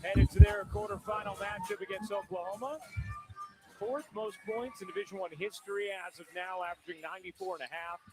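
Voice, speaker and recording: A man calling a basketball game live as play-by-play commentator, in brisk, measured calls. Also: high-pitched, loud music behind the voice. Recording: TV broadcast audio with loud noise.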